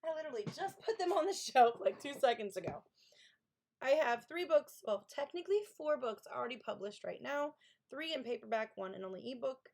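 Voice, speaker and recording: A woman's voice: high voice, lively intonation, fairly quick, a little mellow. A woman from Kentucky with a Southern accent, chatting casually with viewers on a live stream about her books. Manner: chatty, thanks viewers, reads chat aloud. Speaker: author streaming writing sprints.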